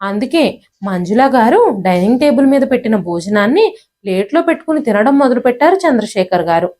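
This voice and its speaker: A woman narrates a moral storybook tale in a steady, even reading voice. Her pitch sits a little high, and she reads in a scripted narration style. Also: a little fast.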